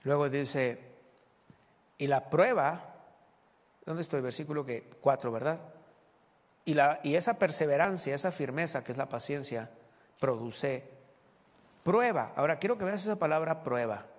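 A man's voice: a little high, expressive, moderate pace, pauses often. Man preaching in an echoing hall. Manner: preaching, reads scripture aloud and explains it, rising to loud exclamations. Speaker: pastor. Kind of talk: sermon.

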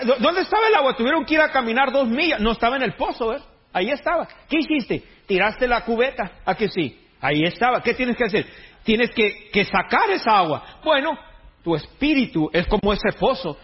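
A pastor delivers a sermon in a casual, joking way, peppered with street slang. His voice is high and husky, and the recording sounds dull and lo-fi.

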